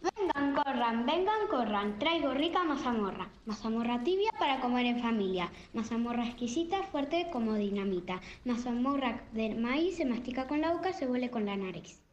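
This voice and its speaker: A lively colonial street vendor , played by a woman. Her high voice swings widely through sing-song rhyming cries. The sound is roomy and a little muffled, with a faint hum behind it. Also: moderate pace, few pauses, close to an everyday voice. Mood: hawking. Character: lively female colonial street vendor selling corn pudding. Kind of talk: children's stage play.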